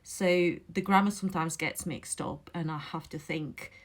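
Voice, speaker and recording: Her voice sits low with fairly even intonation: a middle-aged Latvian woman, Latvian by first language, speaking English in a Latvian accent touched by Derbyshire English. As a memoir author and vlogger, she offers a casual, reflective monologue to camera from home indoors, pausing often, using fillers and phrasing with care.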